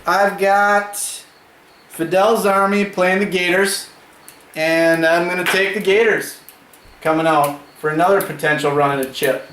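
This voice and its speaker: Young male co-host, teasing and sarcastic, fairly high voice, echoey room with faint noise. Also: steady tone, measured pace, fairly bright tone. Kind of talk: casual fantasy football chat.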